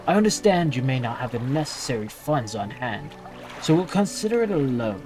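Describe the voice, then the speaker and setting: A man voicing a smooth, businesslike town mayor in a video game, formal and measured. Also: medium pitch, big pitch swings, over music, close to an everyday voice. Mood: smoothly formal.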